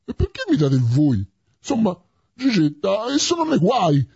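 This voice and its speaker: A man's voice: high-pitched, huge pitch swings, normal speed, darkish tone, husky, no room sound, heavily acted. A man voicing a crude, flustered male toad who turns into a paunchy middle-aged man, in a dry, dull lo-fi recording.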